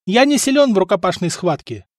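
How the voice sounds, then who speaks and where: A man voicing a weary, armored archer who shouts urgent battle calls in an audiobook. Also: high-pitched, big pitch swings, fairly quick, no echo, clean studio sound, voice pushed up. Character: weary armored male archer, grim under fire.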